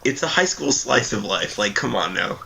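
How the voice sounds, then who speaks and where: A man's voice: lowish voice, animated, moderate pace, creaky, sharp tone, slightly rough, rough recording. A man chatting on a casual podcast, laid-back and blunt. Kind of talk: casual group chat.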